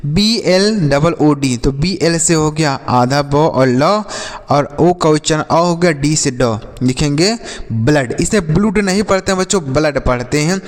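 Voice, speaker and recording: A man with a fairly high voice teaches an English phonics lesson and talks to the class as children. He slows down to spell out letters and answers his own questions. His voice trails off in a long, hall-like reverb. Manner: repeats questions and answers them himself, addressing children.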